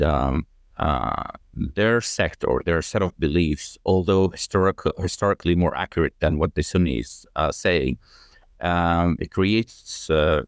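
Very deep-voiced man explaining at length. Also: no room sound, studio quality. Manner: measured, explanatory, frequent fillers and restarts. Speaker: guest. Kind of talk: conversational explanation.

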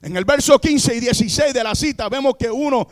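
A Puerto Rican pastor preaching with fervor, his voice sitting unusually high for a man. He scatters amén and aleluya between phrases, has the congregation repeat his words, and climbs into shouts at the peaks. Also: a little fast. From Puerto Rico. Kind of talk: sermon.

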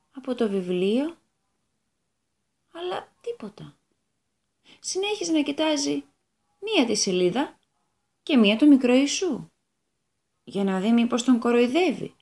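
A woman storyteller reading a children's fairy tale aloud on a radio show, in an expressive, animated way. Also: sits high, creaky, pauses often.

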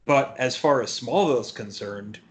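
A man's voice: medium pitch, normal speed, breathy edge. A man co-hosting a casual podcast, stammering and trailing off as he talks. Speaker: podcast co-host.

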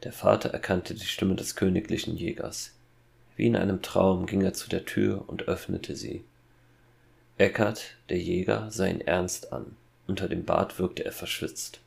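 A man giving measured, dark scripted narration of a horror fairy tale. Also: low-pitched, level tone, vocal fry.

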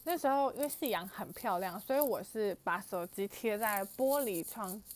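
Speaking to camera at a moderate pace, a young vlogger with a Taiwanese Mandarin accent retells a personal story with animation, frequent fillers, and exclamations. Her mid-range voice has lively intonation, with slight background noise.

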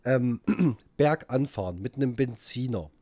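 A man hosting a casual podcast chat, talking in a halting way with repeated words. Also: mid-range voice, expressive, warm tone, no echo. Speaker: podcast host.

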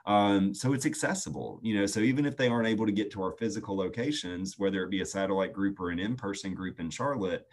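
A man speaks in an interview. He explains things earnestly and steadily. He often pauses on "um" as he thinks. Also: lowish voice. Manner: earnest, measured, frequent "um" fillers. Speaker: youth nonprofit staff guest. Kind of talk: conversational interview answers.

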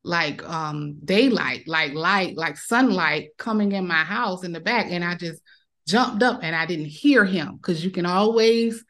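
A woman's voice: lowish voice, unhurried, a bit bright. A woman in her thirties, a podcast guest, telling a personal story in casual talk and acting out the voices of the people in it. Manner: emotional retelling, acts out quoted voices.

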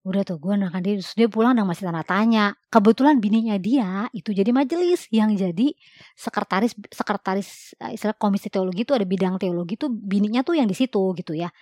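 A woman, a church music committee member, telling a story in a lively, slangy way and mixing in English words. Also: mid-range voice, fast talker, no room sound, studio quality. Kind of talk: casual storytelling monologue.

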